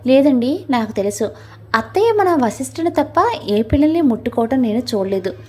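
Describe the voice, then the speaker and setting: A woman's voice: a little high, animated, fairly quick, mellow, close to an everyday voice. A woman voicing a hurt, tearful young wife. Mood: sorrowful. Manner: sad, resigned.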